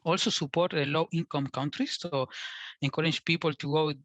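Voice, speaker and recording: Halting Chilean-born man giving a talk. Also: on the high side, steady tone, a bit bright, dry recording. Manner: halting, repeats words, non-native phrasing. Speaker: invited speaker. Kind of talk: conference talk.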